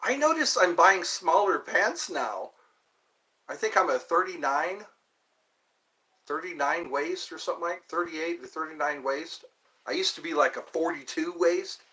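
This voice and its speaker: A man in his fifties hosts a livestream, casually answering viewers in a rambling, joking, self-deprecating way. His slightly high voice has a sharp tone and lively intonation at a measured pace, and the recording quality is low.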